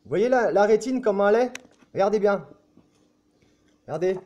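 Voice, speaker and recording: A man's voice: sits high, animated, moderate pace, darkish tone, dull audio. A man talking to camera in a casual, insistent, repetitive way, often checking that his viewers agree and swearing now and then. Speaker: video blogger.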